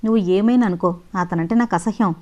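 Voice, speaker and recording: A woman voicing a sharp-tongued, stubborn young woman who speaks sarcastically and firmly, in an audio novel. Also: mid-range voice, moderate pace, dull audio, close to an everyday voice. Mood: stern, sarcastic. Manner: sarcastic, firm.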